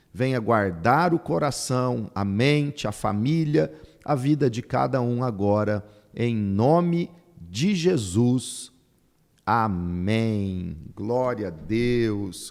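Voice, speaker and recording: Slow, gravelly older pastor in a hall. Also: male voice, medium pitch, darkish tone. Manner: slow, solemn, prayerful delivery. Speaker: podcast host and pastor. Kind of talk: prayer and podcast hosting.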